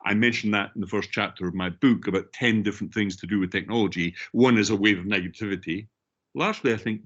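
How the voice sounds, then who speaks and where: A man's voice: on the low side, a bit bright. A middle-aged or older man with a strong Scottish accent giving an informal, emphatic webinar talk as guest speaker. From Scotland. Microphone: online video call. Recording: dull, lo-fi online call audio.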